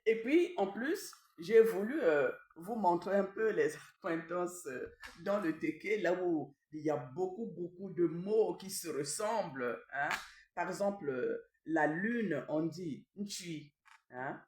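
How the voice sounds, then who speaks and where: A woman in the role of a traditional queen gives a language lesson. She repeats each word slowly and often tags her phrases with a questioning "hein?". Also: on the low side, lively intonation, darkish tone. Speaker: traditional queen teaching vocabulary. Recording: echoey room, mic at a distance.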